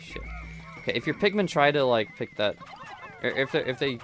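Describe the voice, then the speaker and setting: A man giving relaxed, rambling gameplay commentary, often correcting himself as he talks into a close microphone. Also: medium pitch, a little fast, music in the background. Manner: rambling, self-correcting, chatty. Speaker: gameplay streamer. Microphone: close desk microphone.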